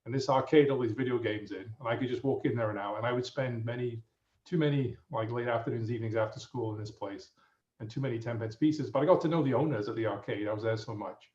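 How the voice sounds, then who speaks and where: A man in his fifties with an English accent, a guest telling his story in a relaxed, rambling way with lots of fillers, heard over muffled remote audio. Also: medium pitch, quick pace. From England. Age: 50s. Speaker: guest professor. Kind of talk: casual storytelling. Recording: muffled, roomy audio from a distance.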